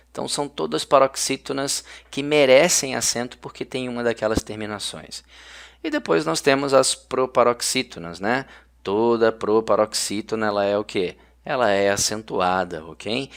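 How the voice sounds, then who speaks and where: A man giving a grammar video lecture, friendly and constantly checking in with quick tag questions. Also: on the low side, a bit bright. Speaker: grammar teacher.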